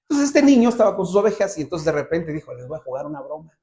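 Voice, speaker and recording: A man's voice: a little high, racing. A man with a Mexican Spanish accent preaching a sermon as pastor, telling stories and acting out the people he quotes. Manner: lively storytelling, voices quoted characters.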